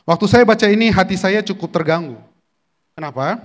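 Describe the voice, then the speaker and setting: A man's voice: sits high, a little fast. A male pastor giving a church sermon in a conversational way, often turning to the congregation with questions.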